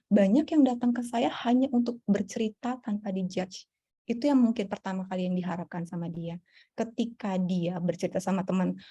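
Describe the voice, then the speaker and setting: Mellow-voiced woman psychologist explaining. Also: medium pitch, husky. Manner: warm explanatory, many fillers. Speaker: psychologist guest. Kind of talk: casual Q&A talk.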